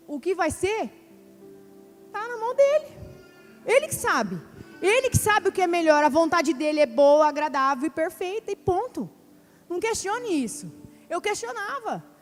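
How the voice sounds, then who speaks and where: A high-pitched woman preaches with fervor, repeating her words as she calls out to the congregation. Her voice rings through a reverberant church hall over quiet music. She is middle-aged and talks with heartfelt intensity. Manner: fervent, repeats phrases, addresses congregation as brothers. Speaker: church preacher giving testimony. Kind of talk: emotional sermon testimony.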